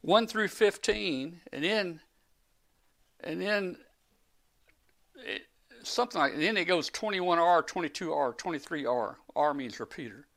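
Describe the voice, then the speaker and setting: Guy rambling on about radios, lots of restarts, kinda high voice. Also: animated, measured pace, gravelly, long pauses, a bit bright. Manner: rambling, restarts, technical explaining. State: out of breath. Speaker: guest ham radio operator. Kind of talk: casual live show chat.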